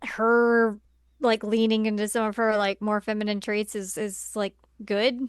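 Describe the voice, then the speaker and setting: Speaking at a medium pitch with a level, resonant tone, this woman co-hosts a laid-back film-review podcast, unhurried and clear yet leaning heavily on the filler "like." There's no echo, and the sound is studio quality.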